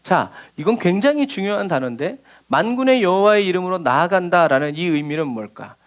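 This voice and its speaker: Guy pastor preaching, keeps asking questions then answering them, fairly high voice. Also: animated, a little fast. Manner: asks rhetorical questions and answers them, acts out quoted lines. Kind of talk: sermon.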